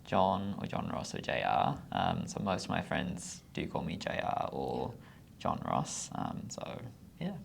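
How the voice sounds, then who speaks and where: A young man from Zimbabwe chats as a podcast guest, his voice heavy with gravelly fry and swinging widely in pitch. He hesitates often, filling gaps with ums before short, trailing answers. A faint rumble hums underneath. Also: very animated, unhurried. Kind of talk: casual interview chat.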